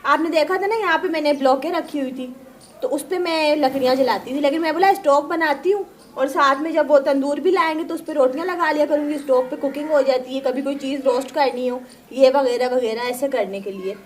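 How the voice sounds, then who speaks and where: एक औरत, पाकिस्तानी उर्दू लहजे में, गाँव के घर के आँगन में बाहर खड़ी होकर दर्शकों से अनौपचारिक व्लॉग अंदाज़ में बातें करती है, बार-बार "सही है?" पूछती है और बहसों की नकल बड़े जोश से करती है।. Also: female voice, sits high, brisk. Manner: chatty, keeps asking "right?"; animated, re-enacts arguments. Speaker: village vlogger. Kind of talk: casual vlog chat to viewers. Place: outdoors at a village house courtyard.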